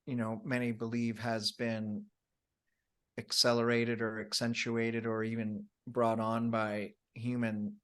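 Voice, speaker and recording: A man's voice: medium pitch, monotone, measured pace, a bit bright, smooth. Earnest man who stammers on restarts. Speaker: coach and guest. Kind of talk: conversational interview.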